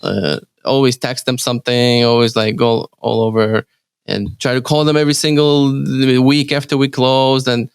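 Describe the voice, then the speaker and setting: A Ukrainian man who speaks English as a second language, with a Ukrainian accent, is an interview guest who leads a real estate team. He answers haltingly, restarting often and using many fillers. His medium-pitched voice is smooth with fairly even intonation, recorded in clean studio sound with no echo.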